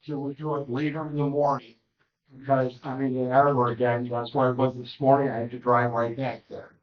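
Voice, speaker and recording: Quiet halting defense lawyer dude in court, muffled sound. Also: male voice, mid-range voice, little pitch movement. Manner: soft-spoken, halting. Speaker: defense attorney. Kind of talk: courtroom argument.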